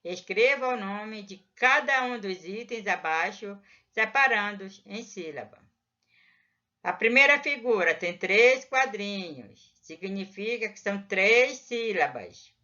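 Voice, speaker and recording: A woman teacher guides young pupils through a workbook page by page. She speaks slowly and patiently, stretching out syllables so children can follow. The recording sounds muffled and low-fidelity. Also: expressive, sharp tone. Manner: slow, patient, drawn-out syllables. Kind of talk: explaining a textbook lesson to children.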